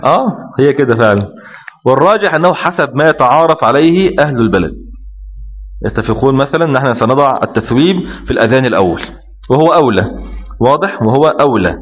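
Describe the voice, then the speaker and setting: A man's voice: mid-range voice, expressive, fast, big-room sound. A man teaching a lesson, reading passages aloud and then explaining them, often checking that his students follow. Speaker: Islamic jurisprudence teacher. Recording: slightly muffled lo-fi recording.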